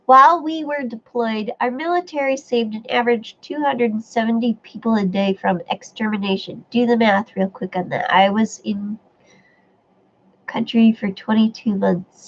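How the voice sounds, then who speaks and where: A woman hosting a casual live stream, reading viewer comments aloud and chatting back, with a stuffy nose. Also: a little high. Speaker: livestream host reading chat. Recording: dull lo-fi stream audio.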